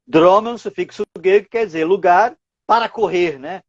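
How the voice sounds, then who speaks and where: A man's voice: high-pitched, brisk, dull audio, crowd noise. A man, a writer and teacher, explaining word origins as a guest on a live stream, posing rhetorical questions as he goes. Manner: didactic, asks rhetorical questions.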